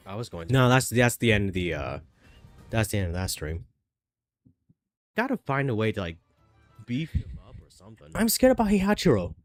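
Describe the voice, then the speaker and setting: A fairly low, sing-song male voice, brisk yet broken by long pauses, carries this casual gameplay commentary over faint music. The streamer has a cold that leaves his nose stuffed up, and he thinks aloud with frequent fillers and restarts.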